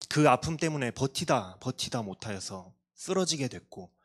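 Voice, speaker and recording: A man's voice: mid-range voice, sing-song, normal speed, slightly rough. Earnest male pastor preaching. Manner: earnest, confessional, with self-deprecating asides. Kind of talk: youth sermon. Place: church.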